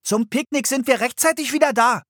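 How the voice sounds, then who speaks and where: Man doing a smart little boy explaining stuff, a bit raised, husky, dry. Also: mid-range voice, sing-song, normal speed, no room sound, voice pushed up. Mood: eager. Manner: earnest, explaining tone. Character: curious bookish young boy, knowledgeable.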